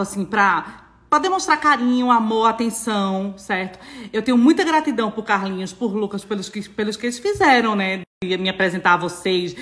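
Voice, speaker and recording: Chatty woman, high lively voice. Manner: chatty, affectionate, repeats phrases, teasing laughter. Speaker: social media influencer. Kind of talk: casual selfie vlog to followers.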